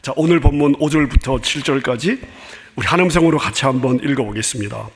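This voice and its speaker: A male pastor preaching a Sunday sermon, asking the congregation questions and sometimes dropping to a soft hush. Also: medium pitch, fairly quick. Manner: asks the congregation rhetorical questions and opens phrases with "자"; earnest preaching, drops to a soft hush on key phrases. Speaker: senior pastor. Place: church sanctuary. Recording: long church reverb.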